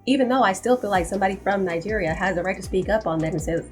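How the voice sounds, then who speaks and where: A young American woman hosts a commentary channel, speaking to camera with a racing, mid-range, darkish voice over faint background music. She's emphatic and insistent, repeating points for stress as she gives her opinions.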